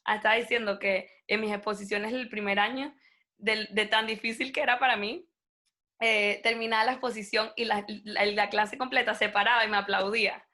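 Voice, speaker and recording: A young native Spanish speaker appears as an interview guest, telling her story in a lively, casual way and acting out the people in it. Her voice is medium in pitch and her pace is brisk.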